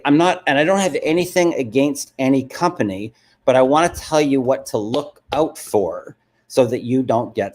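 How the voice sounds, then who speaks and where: A man with a medium-pitched, slightly mellow voice hosts a live business stream. He answers viewers and drives his points home with frequent "okay?" check-ins.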